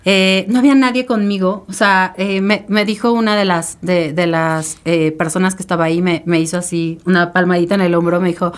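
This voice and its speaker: A woman's voice: fairly low pitch, steady tone, brisk, hardly any pauses. A woman, a podcast guest telling a personal story in an emotional, rambling way with many fillers and tag questions. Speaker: interview guest.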